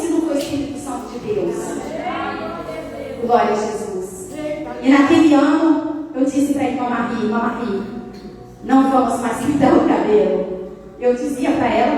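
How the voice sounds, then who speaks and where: A woman's voice: sits high, animated, moderate pace, a little mellow. A woman preacher giving a fervent testimony sermon, telling her story dramatically and slipping into sung phrases. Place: large echoey church hall. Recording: echoey hall, distant mic, faint music.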